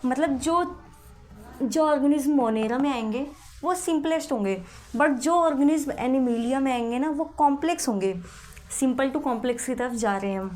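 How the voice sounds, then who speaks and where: A woman's voice: sits high, moderate pace, darkish tone, faint music behind. Woman teacher explaining biology to students. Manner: explains step by step, calls students "beta", asks them questions. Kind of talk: Hindi-English classroom lecture.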